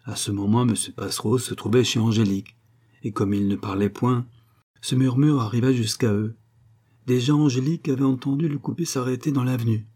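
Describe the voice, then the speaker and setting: A man reading a novel aloud as audiobook reader, in measured, even storytelling. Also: medium pitch.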